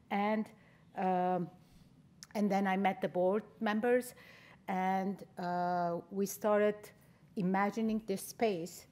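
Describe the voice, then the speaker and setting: A woman's voice: mid-range voice, a little mellow. A woman in her forties, raised in Lebanon, speaking at a conference podium on a stage, earnest and plain, with frequent "uh"s. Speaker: managing director speaking at a conference. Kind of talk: conference presentation. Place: stage in a large hall. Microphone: podium mic.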